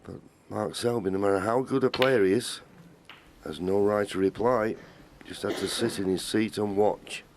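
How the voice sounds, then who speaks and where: A man giving measured, understated live snooker commentary as a match commentator. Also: on the low side, darkish tone. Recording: crowd and arena noise behind. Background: snooker arena audience ambience.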